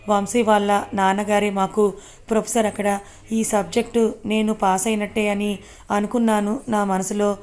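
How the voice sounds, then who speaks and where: Woman, audiobook narrator, first-person story reading, flat even delivery, mid pitch.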